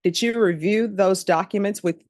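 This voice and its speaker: A woman judge in a courtroom recording, formally reading case numbers and charges in a measured, procedural way. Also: medium pitch, darkish tone, no room sound, studio quality. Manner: measured, procedural, repeats formulaic questions.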